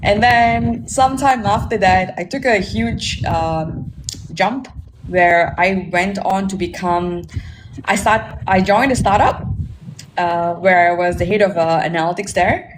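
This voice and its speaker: A marketing technology consultant, forty and Malaysian-accented, speaks as an interview guest at a measured pace in a medium-pitched voice. Conversationally she introduces herself and recounts her career, addressing listeners and adding "right?" to her statements, in an echoey room with faint background noise.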